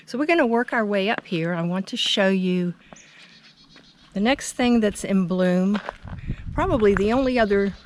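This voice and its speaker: An American home gardener leads an unscripted, informative tour of her front garden outdoors, speaking in plain, measured phrases with a mid-range voice. The handheld camera's built-in mic picks up ambient outdoor noise.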